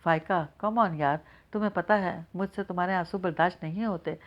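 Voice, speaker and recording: A woman reading the lines of a young husband who scolds his crying wife gently but firmly. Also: on the low side, lo-fi sound, close to an everyday voice.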